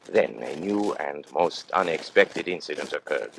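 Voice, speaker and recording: Guy doing low grave narrator for an old radio mystery, formal and measured, slight hiss. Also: animated, gravelly, full character voice. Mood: grave, suspenseful. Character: grave male storyteller recounting a mystery.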